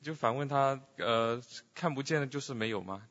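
A man's voice: mid-range voice, normal speed, a bit bright, lo-fi sound. A man answering in class, hesitant and thinking aloud.

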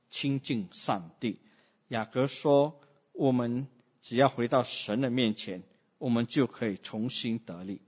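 Man, pastor, sermon, acts out dialogue, husky voice, muffled lo-fi sound. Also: medium pitch. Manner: animated storytelling, acting out dialogue.

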